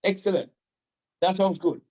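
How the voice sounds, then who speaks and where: A Vincentian man with a notably high, mellow voice talks casually on the radio. He is emphatic and often repeats a phrase to drive it home. The sound is muffled and lo-fi. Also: steady tone, normal speed. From Saint Vincent and the Grenadines.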